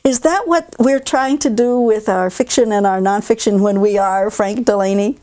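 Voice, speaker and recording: A woman's voice: medium pitch, moderate pace, warm tone, no echo. Woman interview host with a dry, close sound. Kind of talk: scripted introduction and conversational interviewing.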